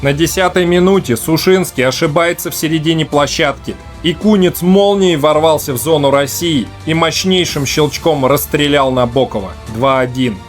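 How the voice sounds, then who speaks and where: Higher-voiced man narrating a sports recap. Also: moderate pace, few pauses. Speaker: video channel host, narrator. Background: music.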